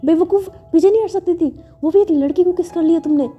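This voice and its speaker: A woman's voice: sits high, fast talker, warm tone, natural voice. A woman voicing a bossy, worried young woman who pleads and scolds her friend. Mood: exasperated. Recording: dull lo-fi with faint music.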